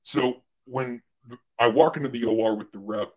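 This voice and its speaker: A young man, a guest on a livestream, telling a work story casually with lots of "like" and restarts, getting loud when he quotes someone. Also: medium pitch, moderate pace. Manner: animated storyteller, fillers and restarts, loud when quoting others. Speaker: guest, former medical device rep.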